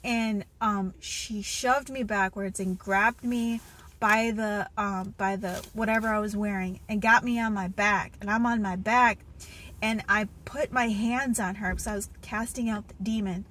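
A woman in her thirties sits in a parked car, holding her phone at arm's length as she earnestly describes a spiritual dream, with lots of fillers and restarts, in a casual mix of testimony and Bible reading. Her voice is medium in pitch, a touch bright and a little slow, with fairly even intonation and slight background noise.

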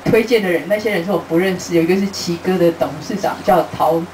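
A middle-aged travel author gives a live book talk in a bookstore event room. She has a lowish voice and speaks fast, telling lively stories, acting out conversations and laughing often. The recording is roomy and distant with a faint hiss.

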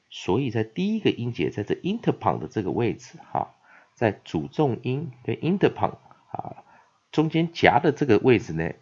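Lively low-voiced male language teacher. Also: gravelly, slightly rough. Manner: lively, repeats words slowly, many filler "ah" sounds. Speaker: English teacher. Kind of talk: vocabulary pronunciation lesson. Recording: dull lo-fi audio.

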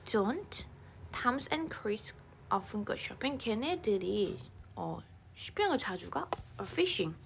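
A young woman gives a relaxed online English grammar lesson, talking loosely and reading sample sentences at a slow pace, occasionally near a whisper. Her somewhat high voice swings widely in pitch and sounds gravelly, with background noise present.

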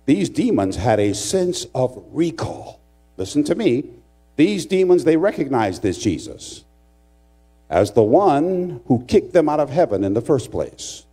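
A middle-aged male pastor preaches in church, swinging his pitch widely as he tells a story. He is dramatic and playful, teasing his congregation as he goes. His voice sits at a middling pitch and a faint mains hum runs underneath. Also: measured pace, husky. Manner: animated, dramatic, joking with the congregation. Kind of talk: sermon with humorous storytelling. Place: church sanctuary.

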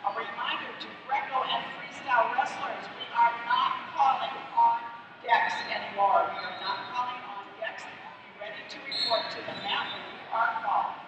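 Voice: medium pitch, steady tone, dull audio. Announcer calling names over an echoey gym intercom. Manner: brisk, businesslike calls. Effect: over the intercom, public address loudspeaker. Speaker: tournament announcer. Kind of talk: calling wrestlers to mats. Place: large indoor gym at a wrestling tournament. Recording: echoey gym PA heard from far off, noise.

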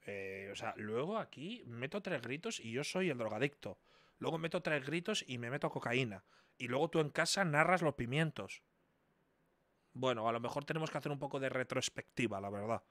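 A man in his twenties chatting casually on a live stream, chatty and incredulous, with loud outbursts. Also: mid-range voice, animated, moderate pace, no echo. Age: 20s.

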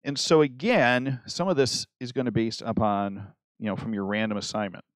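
A man teaching a math lesson in a loose, chatty way, pausing to restart his sentences and asking his students "okay?" as he goes. His voice sits at an ordinary middle pitch. The sound is close and dry, with no room around it. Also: fairly even intonation, no room sound. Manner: conversational, restarts mid-sentence, checks in with "okay?".

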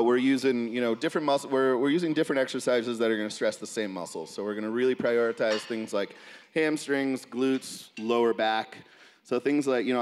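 In a big indoor gym, a coach with a smooth, mid-range voice runs an informal live seminar, keeping it casual and motivational for the seated group in front of him. The recording comes from a distant camera, and the gym hall echoes.

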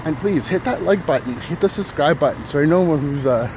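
Brisk and expressive, the slightly high voice of a man in his thirties carries over traffic and city noise as he walks outdoors on an early-morning street. The vlogger holds his phone at arm's length and chats casually, a bit breathless, rambling with lots of fillers and restarts.

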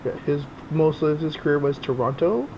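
A man's voice: on the high side, moderate pace, lo-fi sound. A man hosting a card break with casual, improvised running commentary, informal and muttering to himself as he works. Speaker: host of sports card box breaks. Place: small indoor home office full of cards. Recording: noisy room, camera on desk.

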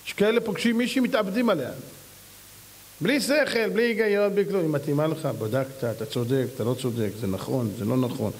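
A man preaching as a rabbi, emphatic and full of rhetorical questions. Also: breathy edge. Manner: emphatic, mimics others in high voices, rhetorical questions. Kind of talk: sermon. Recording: long hall reverb.

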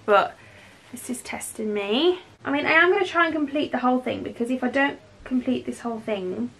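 A woman's voice: a little high, a bit bright. A young British woman in her twenties chatting casually in a home vlog, bubbly and giggly, rambling as she goes. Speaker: vlogger. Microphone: handheld camera.

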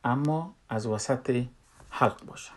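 Man, tajweed teacher, mid-pitched, plain explanatory delivery, drills example words. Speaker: Quran recitation teacher. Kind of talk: spoken tajweed lesson.

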